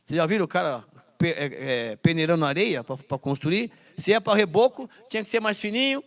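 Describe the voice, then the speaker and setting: A man with a slightly high voice teaches a Bible class. His pitch swings widely as he quotes scripture and acts out classroom scenes. He keeps turning questions back on his listeners. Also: animated, fairly quick. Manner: asks the class rhetorical questions.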